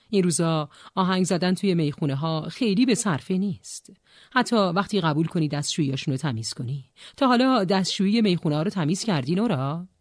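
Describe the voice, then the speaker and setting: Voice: medium pitch, darkish tone, no echo, studio quality, pitched above the performer's own voice. A narrator voicing a bitter, resentful young man, a former band drummer, who talks angrily and sarcastically in an audiobook. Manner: angry, sarcastic, raised voice. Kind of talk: audiobook character voice.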